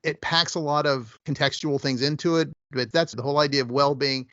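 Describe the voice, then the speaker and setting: A man's voice: fairly high pitch, fairly even intonation, fairly quick, a bit bright, no echo, highs cut off. A man co-hosting a podcast, explaining ideas in a thoughtful, meandering way during a casual discussion. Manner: thoughtful, explanatory, with verbal hedges. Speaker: podcast co-host.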